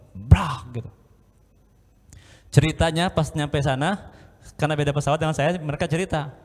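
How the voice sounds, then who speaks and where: A man preaching a lively sermon with jokes, acting out stories and chanting prayers. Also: on the high side, long reverb tail. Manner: animated storyteller, acts out scenes and chants.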